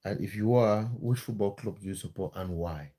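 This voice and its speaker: A warm, fairly low-pitched voice at normal speed belongs to this man from Cameroon, a football content creator hosting a laid-back live stream. Reading comments from viewers, he's friendly and talkative, with frequent fillers and restarts.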